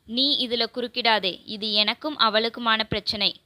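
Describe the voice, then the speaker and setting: A furious, lamenting mother, as a woman reader puts her on in an audio novel. The voice is bright and a little high. It sounds close and dry. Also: steady tone, measured pace, no room sound. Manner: scolding, lamenting. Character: grieving, furious middle-aged mother.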